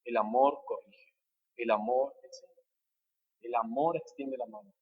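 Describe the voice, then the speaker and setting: A man preaching a sermon as a pastor, rhetorical, moving from hushed asides to impassioned repeated refrains. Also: medium pitch, unhurried, gravelly, slightly rough, narrow, tinny audio. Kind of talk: expository sermon. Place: church sanctuary.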